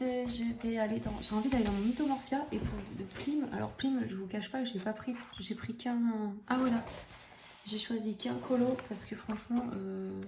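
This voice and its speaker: A woman's voice: a little high, creaky. A young adult woman chatting casually and jokingly about her coloring books, with lots of fillers. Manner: chatty, self-mocking, many fillers. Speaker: coloring vlogger. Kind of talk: casual chat. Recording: echoey room, faint noise.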